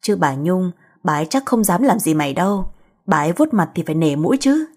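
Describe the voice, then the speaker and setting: A woman's voice: lowish voice, very animated, brisk, darkish tone, breathy edge. A woman voicing a protective, blunt middle-aged mother who scolds and comforts.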